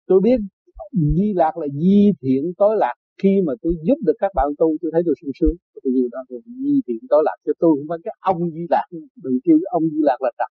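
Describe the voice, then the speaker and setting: A man's voice: fairly high pitch, very fast, hardly any pauses, slightly rough, no echo, narrow, tinny audio. An older man from Vietnam giving an informal spiritual talk, telling stories with frequent laughter and acting out the voices of others. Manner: storytelling, laughs often, acts out quoted voices. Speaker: spiritual teacher.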